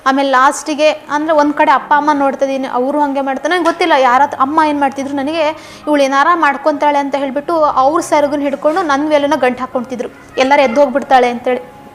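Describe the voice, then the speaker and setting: A young woman recounts her life story in an interview. Her voice sits high and her words come quickly. She talks earnestly and circles back over phrases for emphasis. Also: fairly even intonation, slight background noise. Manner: fast, earnest storytelling with repetitions. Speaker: guest giving a testimony. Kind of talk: personal testimony interview.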